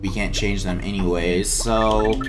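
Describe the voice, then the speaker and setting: A man's voice: lowish voice, steady tone, unhurried, music in the background. A man giving casual, rambling let's-play commentary, chatty and full of hesitations.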